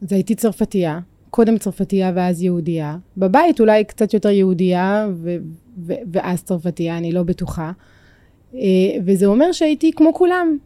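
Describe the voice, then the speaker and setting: A woman's voice: medium pitch, lively intonation, dark tone, dry recording. A woman from France with a French accent in Hebrew, a native French speaker, talking reflectively as a podcast guest and searching for her words. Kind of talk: reflective personal interview.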